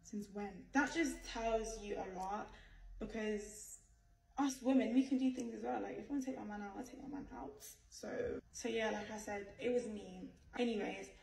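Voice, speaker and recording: A woman's voice: mid-range voice, vocal fry, a little mellow. A young woman giving a casual storytime apology to camera, defensive, exasperated and emphatic. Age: young adult. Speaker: person telling her side of a viral story. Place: small bright indoor room. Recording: roomy echo, distant mic, faint noise.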